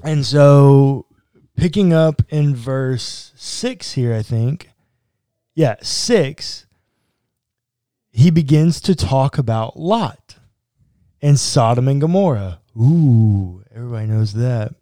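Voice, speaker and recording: A man, a pastor, co-hosting a church podcast in relaxed, casual chat. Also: mid-range voice, takes it slowly, pauses often, no room sound, clean studio sound.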